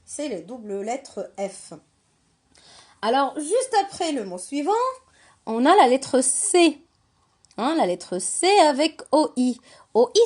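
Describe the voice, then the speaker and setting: Slow, patient woman teaching reading. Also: fairly high pitch, darkish tone. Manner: patient, repeats and spells out syllables; poses questions to young learners. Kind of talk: slow reading lesson for children.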